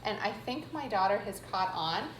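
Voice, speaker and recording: A woman's voice: mid-range voice, animated, moderate pace, reverberant, background noise. A woman teacher chatting casually and jokingly with her class, full of fillers. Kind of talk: casual classroom chat with students.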